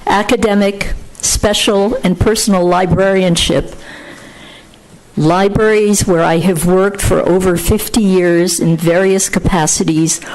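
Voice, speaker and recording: An older woman reading a prepared statement aloud at a city council meeting, formal and measured. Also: medium pitch, a little mellow, poor audio. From France. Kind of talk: prepared speech read aloud. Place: council chamber, indoors. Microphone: podium microphone.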